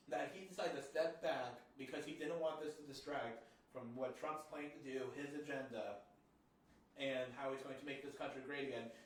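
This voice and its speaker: A man's voice: medium pitch, a little hiss or hum. Blunt opinionated man, echoey room. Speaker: podcast host. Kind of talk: casual podcast chat. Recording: echoey room, mic at a distance.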